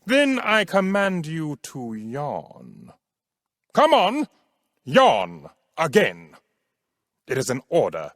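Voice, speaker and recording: A man's voice: fairly high pitch, wildly swooping pitch, drawn-out words, pauses often, a bit bright, dry recording, studio quality, heavily acted. An actor playing a pompous old king of a tiny planet, commanding and sputtering in an audiobook drama.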